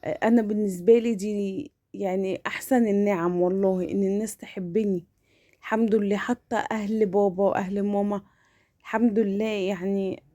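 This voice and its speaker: A woman's voice: mid-range voice, fairly even intonation, fairly quick, mellow. A woman with an Egyptian Arabic accent giving a casual, chatty home-vlog voice-over, talking familiarly as if to family, with hesitant restarts and repeated words. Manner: familiar, addresses viewers as family. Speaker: home vlogger.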